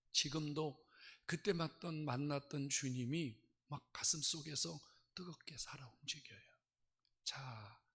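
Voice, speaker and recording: A male pastor preaching a sermon, telling his story dramatically, dropping to hushed whispers and rising to loud outbursts. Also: mid-range voice, slightly rough.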